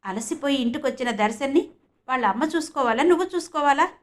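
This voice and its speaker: A woman's voice: on the high side, moderate pace, lightly acted. Woman reading as a protective, scolding mother. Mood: angry. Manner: scolding, raised voice. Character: worried protective mother, quick to anger.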